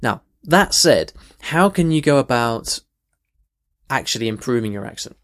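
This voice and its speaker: A man of medium pitch hosting an audio lesson. He talks off the cuff, backtracking and rephrasing as he goes, and keeps checking in with the listener. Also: expressive, a little slow, fairly bright tone. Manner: conversational, many restarts and "okay" check-ins. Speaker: language teacher, podcast host. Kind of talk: unscripted podcast lesson. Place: in London.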